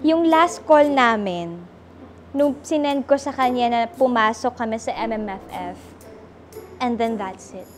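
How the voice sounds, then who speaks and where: An excitable young woman with a Filipino accent talks in a bright, high voice, giggling now and then as she chats to her vlog viewers. Faint music plays softly behind her. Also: measured pace. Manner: excitable, giggly, mixes Tagalog and English. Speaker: vlogger. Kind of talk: casual vlog chat.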